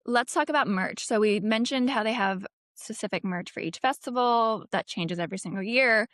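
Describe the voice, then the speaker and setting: A woman podcast co-host chatting casually, upbeat and quick to laugh. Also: on the high side, fairly bright tone, no echo, clean studio sound.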